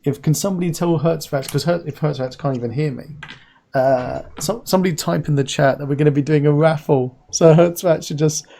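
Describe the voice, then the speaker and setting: A man's voice: a little high, fairly quick, vocal fry, warm tone. A man in his forties who pronounces his r's as w's, hosting a casual live stream in a chatty, rambling, anecdotal way. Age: 40s. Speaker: host.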